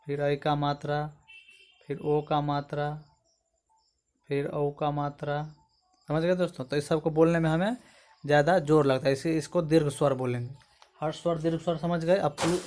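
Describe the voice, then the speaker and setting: Man teaching grammar, slightly high voice. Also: fairly even intonation, normal speed, long pauses, darkish tone. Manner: explains step by step, often asks "समझ गए दोस्तों?". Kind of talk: exam-prep grammar lesson.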